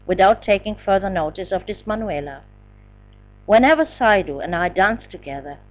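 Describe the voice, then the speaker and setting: A woman's voice: mid-range voice, highs cut off. A woman reading her own memoir aloud with dramatic, emotional delivery. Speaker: narrator. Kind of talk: memoir audiobook narration.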